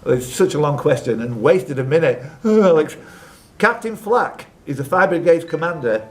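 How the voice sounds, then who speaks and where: A quizmaster hosts a live quiz at a social club, reading questions aloud at a normal pace. His fairly high voice is expressive, and he tosses in chatty, spontaneous remarks.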